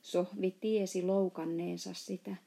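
A woman narrating a children's storybook aloud, reading in a calm, steady way. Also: lowish voice, vocal fry, husky.

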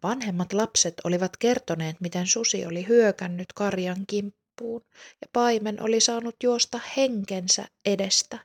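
A woman reading a children's story aloud in a calm, unhurried way. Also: mid-range voice.

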